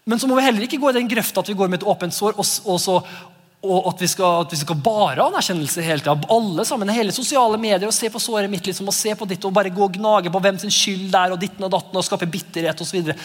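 A male pastor in his thirties preaches a sermon in a casual, conversational way. His voice sits fairly high for a man. The church around him adds a long, trailing reverb. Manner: lively, conversational, acts out voices in exclamations.

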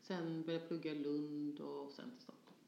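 A woman from Småland, a guest in a personal conversation, telling her story passionately; she moves from soft tones to forceful ones. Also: low-pitched, flat delivery, gravelly, a little hiss or hum. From Sweden, Småland. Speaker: interview guest. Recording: dull, echoey room sound.

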